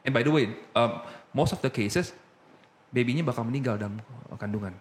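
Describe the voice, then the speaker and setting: A man casually telling his personal story as a guest, slipping English phrases into his talk and getting animated as he recounts. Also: medium pitch, normal speed, a little hiss or hum.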